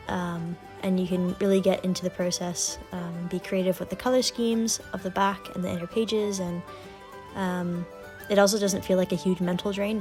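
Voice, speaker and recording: A young woman with a Bermudian accent, chatting casually as a knitting vlogger, relaxed and full of little ums. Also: lowish voice. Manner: relaxed, many ums, softly spoken at times.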